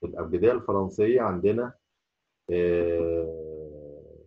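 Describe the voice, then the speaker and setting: A man with an Egyptian Arabic accent teaching a French lesson, saying each letter slowly and repeating it. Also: low voice, narrow, tinny audio. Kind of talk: spoken language lesson.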